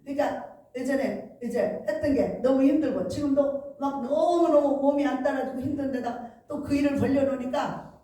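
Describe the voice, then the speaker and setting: A woman's voice: high voice, moderate pace, warm tone. A middle-aged woman pastor giving a chatty revival sermon, telling stories and acting out the quoted dialogue. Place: large church hall. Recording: echoey hall from far off.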